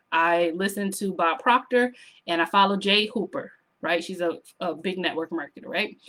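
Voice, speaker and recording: A woman coaches her online audience in a sassy, animated way. Her voice is slightly hoarse, and she keeps up a lively, motivational tone. She often stops to ask the viewer to drop a comment. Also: mid-range voice. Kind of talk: motivational vlog talk to camera.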